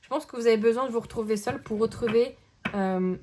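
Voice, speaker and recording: A woman giving a casual tarot card reading to camera, in a gentle, searching way that keeps checking in with the listener. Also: fairly high pitch, a little fast, slight background noise.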